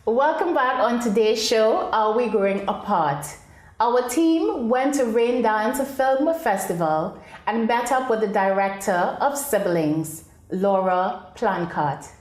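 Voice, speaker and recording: A woman's voice: fairly high pitch, lively intonation, takes it slowly. A woman hosting a TV talk show, announcing segments and breaks in a polished, scripted way. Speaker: TV show host. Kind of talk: scripted presenting. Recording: roomy studio sound.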